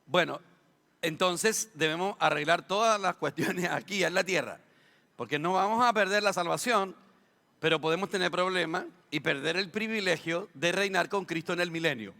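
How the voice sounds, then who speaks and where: A man's voice: high-pitched, moderate pace, creaky, sharp tone. A Chilean man preaching a sermon as a pastor, asking rhetorical questions and dropping humorous asides. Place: church sanctuary. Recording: long church hall reverb.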